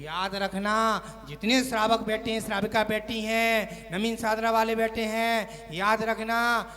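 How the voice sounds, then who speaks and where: A man with a very high, bright voice preaches slowly to a seated congregation. He tells an animated story and acts out its household characters in turn. His voice rings through a hall with a long reverb. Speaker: Jain monk preaching. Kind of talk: sermon with storytelling.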